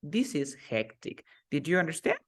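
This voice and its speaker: A man teaching an online English class over a video call, explaining slowly and repeating key words. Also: fairly high pitch, big pitch swings.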